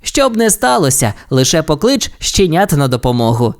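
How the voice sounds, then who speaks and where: A woman's voice: low voice, very animated, moderate pace. A woman voicing a confident boy who leads a puppy team in an audio fairy tale, upbeat and commanding. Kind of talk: audiobook character voice.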